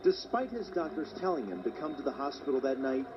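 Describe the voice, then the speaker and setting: A man reporting as a news journalist, narrating a scripted story in a measured way. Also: medium pitch, big pitch swings. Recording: dull lo-fi sound, faint hiss.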